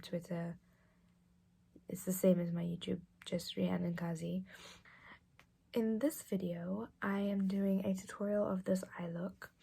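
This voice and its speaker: A 21-year-old woman, chatting casually through a makeup tutorial in a relaxed, often half-whispered way. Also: on the low side, gravelly, husky. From England. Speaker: beauty vlogger.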